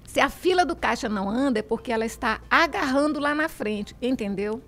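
A woman with a Minas Gerais accent reads aloud and chats in a high, sing-song voice that leaps across a wide range. She is playful and laughs often, mimicking local sayings as she goes. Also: animated, brisk, fairly bright tone. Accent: Brazilian Portuguese from Minas Gerais. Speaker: host. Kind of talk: reading aloud and casual chat.

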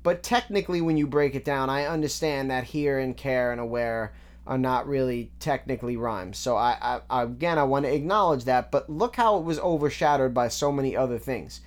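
A man's voice: medium pitch, moderate pace. A man giving a casual, methodical breakdown of rap lyrics, with frequent ums and restarts. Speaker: music reaction host.

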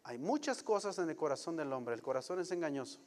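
Pastor preaching in echoey hall. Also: male voice, fairly high pitch, fast. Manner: lively, conversational preaching with rhetorical questions. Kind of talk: sermon.

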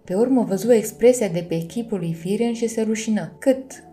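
A woman narrating a children's storybook in a calm, gentle reading style. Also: medium pitch. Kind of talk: scripted audiobook narration.

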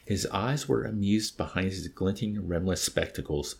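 A man's voice: low-pitched, moderate pace, vocal fry. A man co-hosting a casual show, reading a novel aloud and chatting about it animatedly. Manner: animated, laughs while reading.

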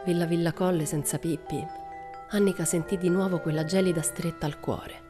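A woman narrating a children's audiobook in a calm, expressive storytelling manner. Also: on the low side, normal speed, music in the background.

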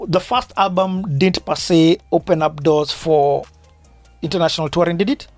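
A man's voice: fairly high pitch, normal speed, darkish tone, no echo, faint music behind. A man hosting a podcast and chatting casually with a guest. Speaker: podcast host interviewing. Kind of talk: casual chat.

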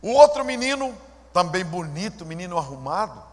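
High-voiced pastor in echoing hall. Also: male voice, big pitch swings, a little fast. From Brazil. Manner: swings from hushed storytelling to loud emphatic preaching. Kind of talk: sermon with storytelling. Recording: long hall reverb.

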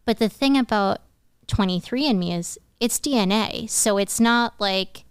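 A woman in her thirties, a podcast guest, telling a personal story in a lively, quick way. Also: mid-range voice, clean tone, no room sound, clean studio sound. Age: 30s. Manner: animated, quick-talking, breaks into laughs. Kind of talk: casual storytelling.

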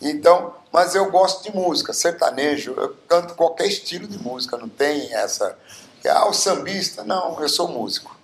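An animated, fairly high-pitched man in his seventies from Bauru, Brazil, appears as a guest singer, telling stories at normal speed with lots of fillers in a casual interview. The recording has a roomy echo and a little hiss or hum.

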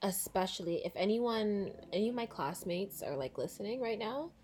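Calm easygoing young woman. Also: mid-range voice, normal speed. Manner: easygoing, calm, filler-heavy. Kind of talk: casual chat.

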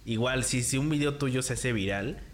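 A man's voice: medium pitch, normal speed, a little hiss or hum. A young man co-hosting a casual chat, full of crude slang and swearing, laughing often as he talks.

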